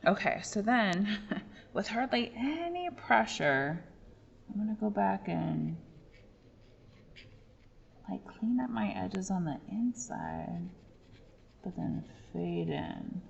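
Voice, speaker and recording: An art teacher in her young adult years gives a laid-back drawing demo, describing each move while she draws and leaning on many fillers. Her medium-pitched voice is expressive, slow and creaky, with frequent pauses. Expect muffled, lo-fi audio and faint background room noise.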